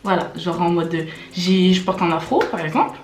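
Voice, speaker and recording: A woman's voice: lowish voice, brisk. Young woman vlogging, fired up and emphatic, lots of slang and fillers, echoey room with a bit of music under her. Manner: indignant and emphatic, with many rhetorical questions; slangy, filler-heavy talk. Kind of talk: casual commentary to camera. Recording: roomy echo, faint music.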